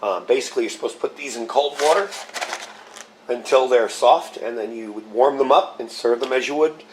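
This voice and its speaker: Medium in pitch and a little quick, the channel host's voice carries a slight scratchiness from a recent cold. He's relaxed on his casual cooking vlog, talking through each step while he handles the gear.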